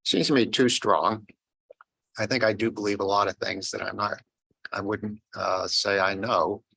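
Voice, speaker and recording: A man's voice: lowish voice, steady tone, moderate pace, creaky, pushed and bright, slightly rough, low-quality recording. A man in the audience asking a question after a talk, hesitant with many fillers.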